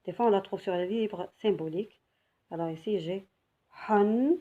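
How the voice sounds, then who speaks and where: A woman teaching a beginner's lesson, patiently repeating each word slowly and clearly. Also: fairly low pitch, mellow, lo-fi sound. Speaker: Arabic teacher.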